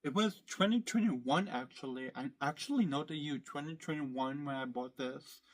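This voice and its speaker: A man vlogging at home in a rambling, casual way, his voice hoarse from being sick and his throat often clearing. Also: fairly high pitch, normal speed. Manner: rambling, full of fillers and restarts. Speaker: vlogger showing his collection.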